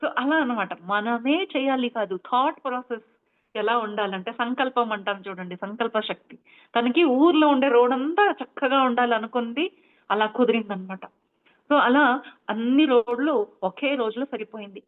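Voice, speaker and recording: A woman's voice: on the high side, moderate pace. A woman meditation teacher retelling a story in a chatty, explanatory way, full of asides. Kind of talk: storytelling talk. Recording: tinny phone-like line.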